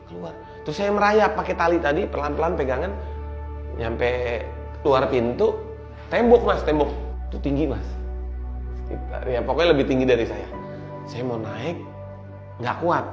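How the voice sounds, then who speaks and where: A man recounts a survival story, earnest and halting, in a mid-pitched voice. He repeats himself and often drops to a hushed murmur. The room is echoey, with faint music underneath. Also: lo-fi sound. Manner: earnest, halting, often repeats words and addresses the listener as "Mas"; murmurs prayers and drops to a hush at tense moments. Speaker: survivor telling his story to an interviewer. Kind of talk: emotional first-person storytelling. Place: indoor room.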